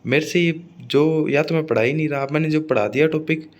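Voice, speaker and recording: A man's voice: a little high, brisk. A man teaching an exam-prep phonetics lecture, often repeating points and checking in with his students.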